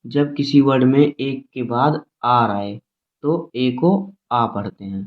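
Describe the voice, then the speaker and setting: Man teaching phonics over tinny audio. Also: medium pitch. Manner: repetitive, slow, spells words out letter by letter. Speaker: English teacher. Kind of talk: classroom phonics lesson.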